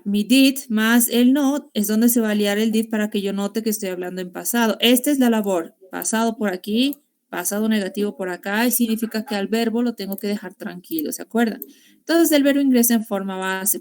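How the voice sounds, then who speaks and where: Woman teaching an online class. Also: medium pitch. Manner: explains grammar in Spanish mixing English classroom phrases; warm, encouraging teacher talk with diminutives. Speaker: English teacher. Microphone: video call.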